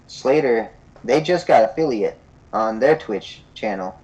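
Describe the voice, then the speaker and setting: A man's voice: medium pitch, expressive, unhurried, darkish tone, highs cut off. Chill thirties guy rambling on a stream podcast, laughs a lot, mid-range voice. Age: 30s. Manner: laid-back, rambling, laughs often. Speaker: podcast co-host. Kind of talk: casual chat.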